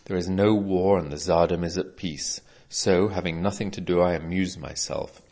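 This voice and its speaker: A giant road-builder, bored in peacetime, speaking in a formal old-fashioned way, as a man reads him. The voice is deep and low. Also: fairly even intonation, normal speed, darkish tone, slight background noise. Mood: plain. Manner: archaic, formal speech.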